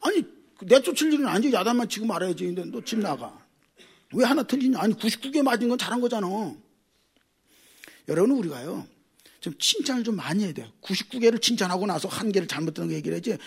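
A middle-aged man preaching a sermon as a pastor, animated and swinging between loud exclamations and quiet asides. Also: high voice, quick pace, vocal fry, slightly rough.

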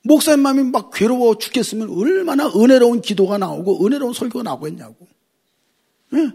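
Husky animated male preacher. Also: very high voice, a little fast. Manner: animated preaching with rhetorical questions. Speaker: pastor. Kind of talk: sermon.

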